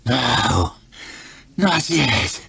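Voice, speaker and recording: A man voicing a savage, battle-crazed male warrior who shouts and taunts. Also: medium pitch, very animated, very slow, gravelly, slightly rough, exaggerated voice. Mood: defiant.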